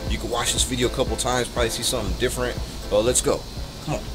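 A man's voice: mid-range voice, fairly even intonation, racing. A man in his thirties chatting loosely to a 360 camera in a hair salon, rambling with fillers. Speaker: vlogger. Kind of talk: casual vlog talk to camera. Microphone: 360 camera built-in mic. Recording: roomy salon sound with music behind.

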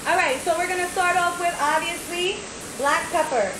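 Speaking at a normal speed, a thirty-something home cook walks through a recipe in a casual demo, easygoing and talkative, frequently checking with "right?". Her voice is high for a woman. A phone camera at arm's length records her in an echoing home kitchen with constant background noise.

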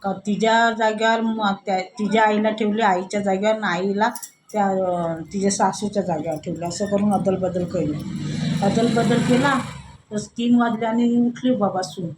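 A woman's voice: medium pitch, fairly even intonation, normal speed. A middle-aged woman telling a folk tale in a homely, conversational way. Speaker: storyteller. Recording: echoey room with faint noise.

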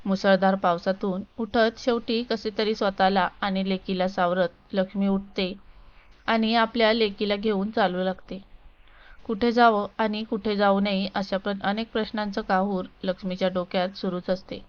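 A woman storyteller reading a scripted story in a steady, even way. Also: medium pitch, normal speed, muffled recording.

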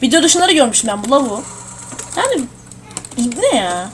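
A young woman giving casual gameplay commentary at her home computer, excitable and swearing at the game. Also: high voice, moderate pace, a little hiss or hum. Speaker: gamer streaming a shooter.

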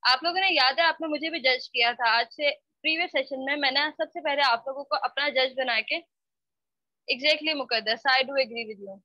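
High-voiced woman teacher scolding her class. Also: normal speed, bright, forceful tone, no echo. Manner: scolding, mixes Hindi-Urdu with English. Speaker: spoken English teacher. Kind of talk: online class lecture. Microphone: computer mic on a video call. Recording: dull, dry online-call audio.

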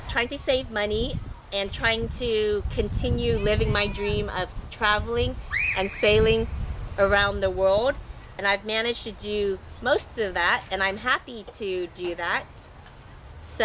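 A woman's voice: mid-range voice, fairly bright tone. A middle-aged woman talking to her viewers in a chatty, rambling way, her voice still scratchy from losing it recently. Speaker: sailing travel vlogger. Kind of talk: casual unscripted monologue to camera.

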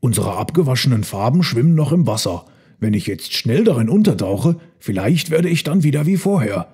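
A man reading a storybook aloud, voicing a cheerful, playful male elephant in a gentle, good-humoured way. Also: medium pitch, big pitch swings, fairly quick, breathy edge. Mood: thoughtful.

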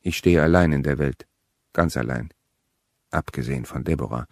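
A man reading an audiobook in a calm, measured, cool first-person telling. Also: rumbling low, no echo, clean studio sound. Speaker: audiobook reader. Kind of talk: audiobook narration.

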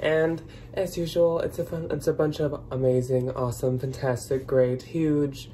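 A man's voice: on the high side, level tone, moderate pace, dark tone, slight background noise. A man in his twenties with an American accent, hosting in a casual, chatty vlog style. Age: 20s. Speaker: host. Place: small plain room indoors.

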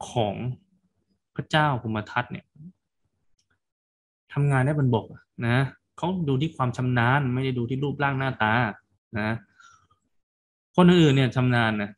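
A man's voice: mid-range voice, unhurried, pauses often, close to an everyday voice. A man voicing a clever male turtle in a told folk tale, earnestly arguing his worth. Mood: persuasive. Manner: earnest, persuasive storytelling speech.

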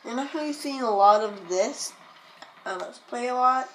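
A woman's voice: fairly high pitch, moderate pace, a little hiss or hum. A woman giving chatty, goofy, self-mocking commentary while she plays a video game, recorded on a distant mic in a room with game music behind her. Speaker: let's play gamer. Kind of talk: casual gameplay commentary. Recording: echoey room, voice far from the mic.

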